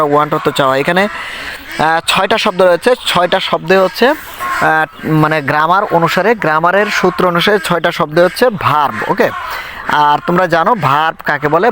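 A man teaching an English textbook lesson, explaining patiently and reading the English lines slowly before he translates them. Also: a little high, background noise.

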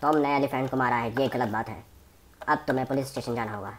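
A stern male toy policeman, as a woman puts him on in a homemade toy play video, scolding firmly. The voice drops well below her usual pitch and is quiet and heavy. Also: steady tone, quick pace, a little hiss or hum.

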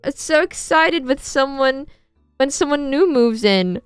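A woman's voice: sits high, lively intonation, measured pace, no echo, faint music behind. A woman reading as a kindly old village grandma. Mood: sweet. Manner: gentle, reading game dialogue aloud.

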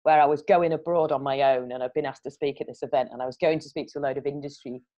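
A woman's voice: low voice, fairly even intonation, quick pace, mellow. A woman hosting a podcast interview, chatting casually and telling stories with frequent laughs. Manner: chatty, storytelling, laughs often. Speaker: podcast host. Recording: slightly dull lo-fi sound.

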